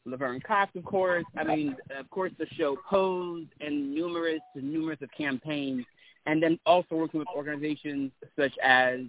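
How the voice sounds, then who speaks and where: A man's voice: a little high, steady tone, moderate pace. Man host on a tinny line. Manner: rambling, many restarts and fillers. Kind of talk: casual interview chat.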